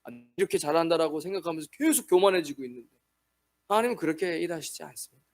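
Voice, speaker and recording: A man preaching a midweek sermon as pastor, swinging from quiet asides to loud emphatic lines and acting out little imagined conversations. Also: on the high side, lively intonation, fast talker. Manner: dynamic preaching, acting out imagined dialogues with shifting loudness.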